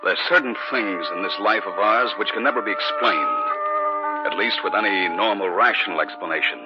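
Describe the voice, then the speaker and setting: An actor playing a husband who narrates an eerie tale in an earnest, measured way, heard as an old radio show broadcast. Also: male voice, fairly low pitch. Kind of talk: 1940s radio drama acting. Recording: muffled old radio recording with music.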